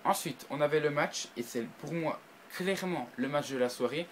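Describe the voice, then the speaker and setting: A man giving a casual spoken review to his viewers. He hesitates, restarts often and breaks into bursts of excitement. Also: on the high side, normal speed, slight background noise, low-quality recording. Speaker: video reviewer.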